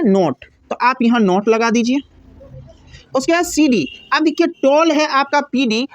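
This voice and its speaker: A woman teaching a grammar lesson, who asks questions and answers them herself and repeats key words slowly. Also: high voice, no echo.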